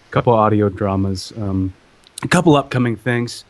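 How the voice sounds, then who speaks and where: A man's voice: on the low side, normal speed. A man guesting on an online show over a voice call, talking about his voice work in a hesitant, filler-heavy way. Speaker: guest voice actor. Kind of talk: casual interview chat.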